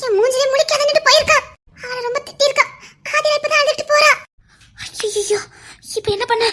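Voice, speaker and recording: An eager, chatty young niece, played by a woman, rushes out her news in a very high voice. She speaks with a Tirunelveli Tamil accent in a homemade comedy serial. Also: pushed and bright.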